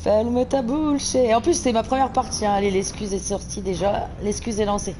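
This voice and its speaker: A woman's voice: mid-range voice, fairly quick, warm tone, a little hiss or hum. A woman, chatting casually with teammates while gaming, teasing them, laughing and swearing freely. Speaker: streamer playing an online shooter.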